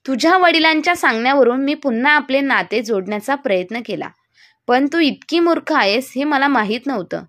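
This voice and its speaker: A woman voicing a proud, quick-tempered young husband who talks bluntly. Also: high-pitched, animated, a bit bright, no echo, clean studio sound. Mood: irritated. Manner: blunt and irritated.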